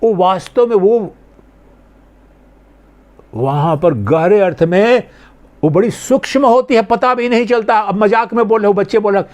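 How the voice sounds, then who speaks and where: An older man, a swami, giving a conversational spiritual discourse on scripture, sometimes acting out imagined speakers in a lower, softer voice. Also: unhurried, long pauses.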